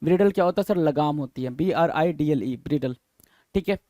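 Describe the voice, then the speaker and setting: A man with a high voice teaching English vocabulary in an exam-prep lesson. He reads definitions slowly, explains them, and drills the answers, firing questions back at the listener and spelling each word letter by letter. The recording is dry and close, with no room sound. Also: mellow, dry recording. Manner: quizzes students with repeated questions, spells words letter by letter.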